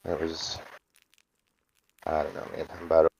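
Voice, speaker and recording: A man's voice: a bass voice, monotone, measured pace, vocal fry, darkish tone, slightly rough. A man chatting casually on a remote call; his mic sounds scratchy and muffled like an old phonograph, and he rambles and restarts his sentences. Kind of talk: casual chat. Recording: dull scratchy lo-fi mic with faint hiss.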